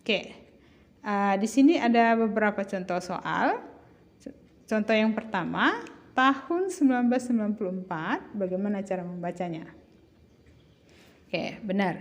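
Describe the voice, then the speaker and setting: A woman's voice: mid-range voice, normal speed, long pauses, muffled recording. A woman tutor explaining patiently to children, asking questions and answering them herself. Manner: patient, addresses pupils as children, asks and answers own questions. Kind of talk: slow classroom explanation.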